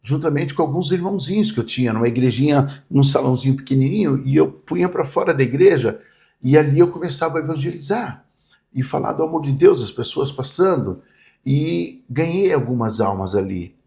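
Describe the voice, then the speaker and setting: A man's voice: mid-range voice, animated, brisk, gravelly, dark tone. A man, a pastor vividly telling stories in a podcast interview. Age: 60s. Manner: vivid storyteller, acts out quoted voices.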